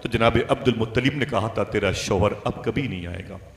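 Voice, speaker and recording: A man preaching a storytelling sermon in Hindi, building from a hushed telling into loud, high, impassioned cries. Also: normal speed. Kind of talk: emotional Islamic sermon storytelling. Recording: echoey venue sound.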